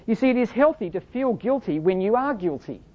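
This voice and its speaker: A woman's voice: fairly high pitch, animated, brisk. A woman preaching a sermon in an earnest, explanatory way, asking rhetorical questions and reading scripture aloud. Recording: dull lo-fi recording.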